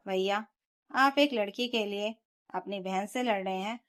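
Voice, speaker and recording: A woman's voice: medium pitch, a little slow, close to an everyday voice. Harsh, dismissive sister-in-law who never admits fault, read by a woman storyteller. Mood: scornful. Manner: dismissive, sharp retorts. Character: scornful adult sister-in-law, harsh and unrepentant.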